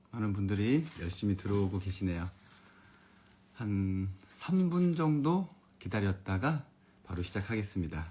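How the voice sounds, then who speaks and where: Speaking to parents over a live stream, an elementary education specialist keeps a calm, comfortable, friendly tone in his lowish voice as he chats and reads out viewer comments. A little hiss or hum sits under the audio.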